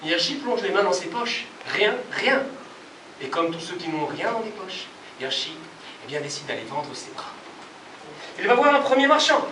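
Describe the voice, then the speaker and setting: A man storyteller telling a folk tale live, expressive and rhythmic, speaking directly to the audience. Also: high-pitched, normal speed. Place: live performance venue. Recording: distant roomy live recording, noisy.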